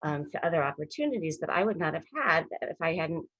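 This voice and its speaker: A woman in her fifties, an actress being interviewed over a video call, telling rambling, animated stories from her career and often breaking off mid-sentence. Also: deep voice, fast talker, husky, no room sound, muffled recording. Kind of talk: casual storytelling interview.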